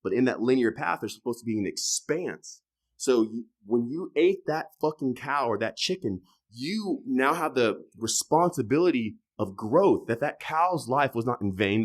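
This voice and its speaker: A podcast guest in his thirties chats casually and loosely, swearing and jumping between loud, emphatic bursts and quiet trailing asides. His medium-pitched voice has lively intonation and a normal speed.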